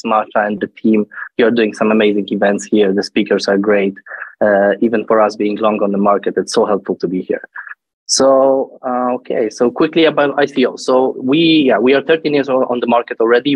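Husky man presenting over a dull call. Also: mid-range voice, dry recording. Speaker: guest speaker, venture fund partner. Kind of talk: conference presentation. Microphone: video call.

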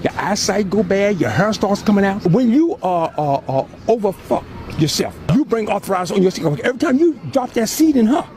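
A man's voice: high voice, lively intonation, fairly quick, background noise. A very old man in his nineties with a Southern American accent, giving blunt, preachy, earthy advice and stammering over repeated words in an outdoor street interview. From southern United States, Louisiana. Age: 90s, very old. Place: city park, outdoors. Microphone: handheld interview mic. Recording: outdoor street recording with background chatter.

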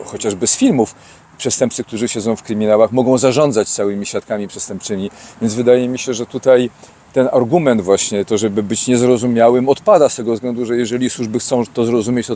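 A male host interviewing a guest outdoors, asking measured, reflective questions. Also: on the low side, warm tone, a little hiss or hum. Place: outdoors by a street.

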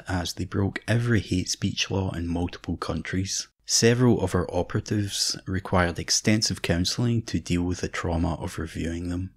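Low husky deadpan male narrator. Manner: measured, deadpan. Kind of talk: scripted deadpan mock-documentary narration.

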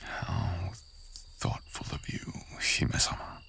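In an intimate ASMR roleplay, a man voices a samurai who is menacing, bitter and seductive, taunting the listener with a sardonic edge. His delivery is husky and breathy, slow and sharp in tone, and it often sinks to a whisper.

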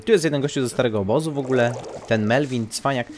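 A man's voice: medium pitch, quick pace, crowd noise. A man, giving chatty, slangy, casual let's play commentary on a headset. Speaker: gaming streamer. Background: game music.

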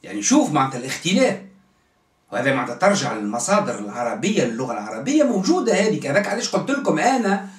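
A Tunisian-accented man talks in a lively, up-and-down voice pitched a little high. He explains in a casual way and keeps checking that his listeners follow. The sound is echoey, as if he sits back from the mic in a bare room. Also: very fast. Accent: Tunisian Arabic. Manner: animated, acts out dialect pronunciations, keeps asking "understand?". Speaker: channel host explaining religious history. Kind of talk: casual explanatory talk to camera. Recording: roomy echo, voice from a distance.

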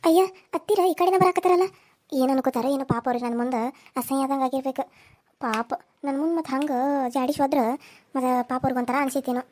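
A woman's voice: high-pitched, quick pace, a little mellow, natural voice. A woman with a North Karnataka accent voicing a distressed young village wife in a cartoon serial, fretting aloud to herself. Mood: worried. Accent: North Karnataka Kannada. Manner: worried, talking to herself.

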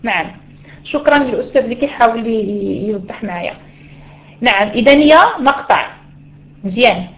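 A woman's voice: a little high, lively intonation, a little fast, pauses often, fairly bright tone, muffled recording. A woman teacher with a Moroccan Arabic accent gives a reading lesson in an online voice room. She explains step by step, switches between formal Arabic and dialect, and asks her listeners rhetorical questions.

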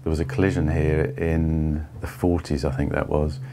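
A man in his fifties giving a measured, step-by-step tour of an old barge's wooden hold. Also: very deep voice, little pitch movement, dark tone, slight background noise. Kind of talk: explanatory walking tour.

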